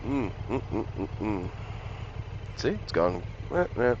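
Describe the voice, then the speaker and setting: A motovlogger with a fairly low, sing-song voice talks slowly and casually to himself while riding a motorbike on outdoor roads, rambling and muttering. A helmet-mounted mic sits close to his mouth, so his voice sounds muffled inside the helmet, with faint vehicle noise behind it.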